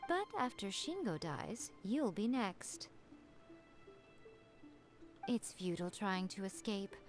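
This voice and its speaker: A woman voicing a sly, poised shrine maiden in a video game, measured, teasing and coolly commanding. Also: mid-range voice, very animated, faint music behind. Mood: menacing. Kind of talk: English video game voice acting.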